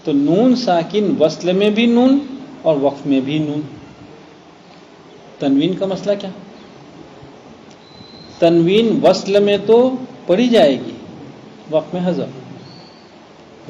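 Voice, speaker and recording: A man teaching a Quran recitation class. He explains slowly, draws out the example words and checks that students follow. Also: a little high, animated, mellow. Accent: Gujarat Urdu. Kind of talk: classroom lesson. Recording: dull lo-fi classroom recording with faint noise.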